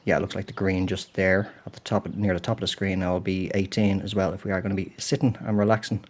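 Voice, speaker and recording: A fast-talking British man with a low, level voice commentates a golf video game on his gaming channel in a relaxed way. Slightly throaty and stuffed up with a cold, he stays chatty and apologetic, thinking aloud as he goes.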